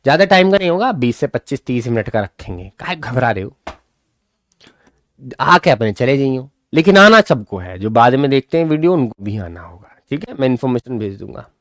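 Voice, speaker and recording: A young man teaching an online class, animatedly explaining an English story and slowly reading lines from it. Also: medium pitch, sing-song, dry recording, clean studio sound.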